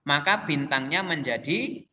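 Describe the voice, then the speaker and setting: A man teaching a Quran and Arabic class online, patiently explaining step by step and drawing out the examples slowly. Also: fairly high pitch, expressive. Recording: dull lo-fi sound with long reverb and faint noise.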